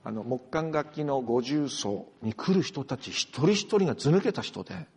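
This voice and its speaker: A man preaching a sermon as a pastor, animated and moving between soft, quiet passages and emphatic ones. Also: medium pitch, moderate pace, breathy edge, big-room sound. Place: church.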